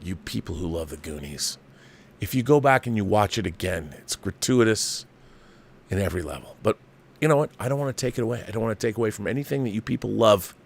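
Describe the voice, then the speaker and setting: Hosting a movie talk show, this older man reads out viewer letters and responds with emphatic, opinionated chat. His lowish voice is creaky, animated, and fast.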